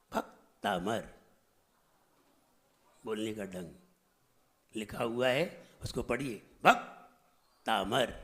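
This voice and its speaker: A man teaching an audience in a sermon style, quizzing them, making them repeat, and swinging between loud emphatic lines and soft asides. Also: on the high side. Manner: asks the audience questions and makes them repeat; drawls single words slowly to show the right pronunciation. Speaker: Jain monk teaching a training camp.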